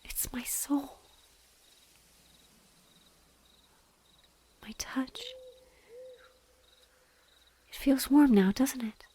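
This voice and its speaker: In an intimate audio roleplay, a woman plays a mournful banshee who is gentle and lovingly devoted. She speaks in an exaggerated, soft, breathy whisper on the high side, very slowly and tenderly, full of sorrowful love.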